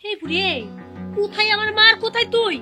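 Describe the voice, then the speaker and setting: A woman playing a cruel, sneering daughter-in-law in a melodrama, rattling off taunts in a very high voice. Music runs clearly beneath her. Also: fast talker. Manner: sneering, scolding, then stammering pleas. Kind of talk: melodramatic short drama acting. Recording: music underneath.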